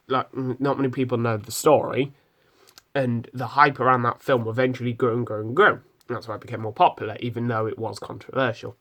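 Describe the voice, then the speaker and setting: A young British man with a British English accent gives a casual, rambling film review full of ums, restarts, and self-corrections. His voice is medium-pitched with a fairly bright tone.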